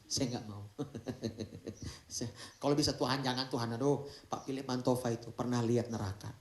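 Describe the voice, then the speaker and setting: A man preaching an animated, humorous Sunday sermon, jumping between loud exclamations and hushed asides. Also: mid-range voice, moderate pace. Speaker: pastor. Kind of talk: lively Pentecostal sermon. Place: large church hall. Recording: echoey church hall.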